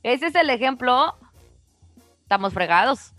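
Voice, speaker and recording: A woman's voice: fairly high pitch, animated, measured pace, fairly bright tone, no room sound, faint music behind. Opinionated Mexican woman co-host. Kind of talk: casual comic chat.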